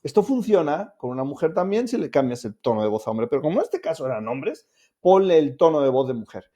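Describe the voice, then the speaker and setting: Man, self-help coach, fairly high voice, warm and mellow, talks straight to the viewer. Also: big pitch swings, fast talker. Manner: explains directly to the viewer, upbeat and coaxing. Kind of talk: instructional talk to camera.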